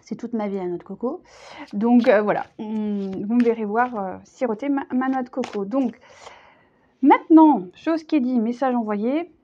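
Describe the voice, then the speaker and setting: A woman's voice: a little high, normal speed, warm tone. A woman giving a casual tarot reading, chatty and hesitant, with many fillers. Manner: chatty, hesitant, full of fillers, laughs easily. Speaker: tarot reader. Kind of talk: casual spoken tarot video. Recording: dull lo-fi sound.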